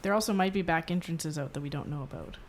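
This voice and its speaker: A woman with a fairly low voice plays in a tabletop game and reasons aloud in a measured way. There is faint noise behind her. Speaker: player. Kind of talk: casual game talk.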